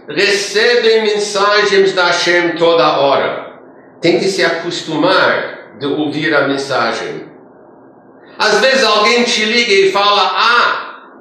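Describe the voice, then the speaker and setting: A man lecturing as a rabbi, telling stories with emphatic rising phrases that trail off quietly. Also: sits high. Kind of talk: religious lecture. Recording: echoey hall with faint room noise.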